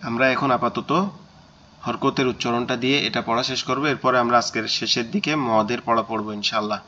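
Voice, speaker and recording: A man's voice: mid-range voice, steady tone, normal speed, bright, forceful tone, a little hiss or hum. A man teaching a Quran reading class, explaining vowel marks and drilling syllables, repeating each word three times. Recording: slightly dull lo-fi recording.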